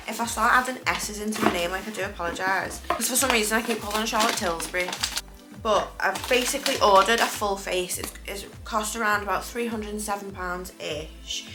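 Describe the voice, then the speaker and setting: A British woman chatting casually to camera as a beauty vlogger, rambling and correcting herself, her speech slightly impeded after dental work. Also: medium pitch. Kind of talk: casual makeup review chat to camera.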